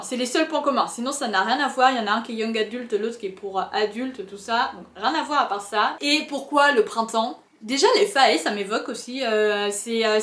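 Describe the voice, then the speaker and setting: Young woman chatting about books, high voice, kinda echoey room, rambly and jokey. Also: fairly bright tone. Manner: chatty, rambling, self-mocking. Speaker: book vlogger. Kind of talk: casual book recommendations.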